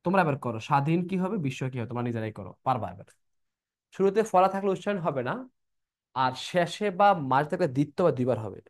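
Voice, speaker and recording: A man, teaching an admission-prep lesson who repeats each rule and keeps asking if everyone is clear. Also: a little high, lively intonation, fast. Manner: repeats rules, checks if students are clear.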